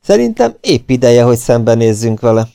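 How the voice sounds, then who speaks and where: A man doing a cool, brusque armed gentleman. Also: mid-range voice, big pitch swings, vocal fry, clear, resonant tone, dry recording, studio quality, pitched above the performer's own voice. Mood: cool defiant.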